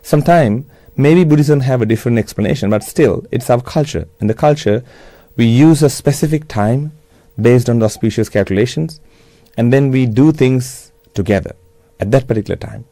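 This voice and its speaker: A man with a Sri Lankan accent gives a Buddhist New Year talk in a measured, instructive manner with simple phrasing. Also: medium pitch, mellow, dry recording.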